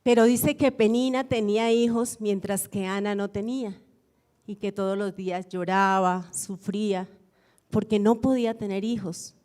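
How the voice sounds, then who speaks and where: A woman's voice: mid-range voice, fairly even intonation, moderate pace, a little mellow. A woman pastor, preaching a sermon in a reflective storytelling way and often repeating phrases for emphasis. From Colombia.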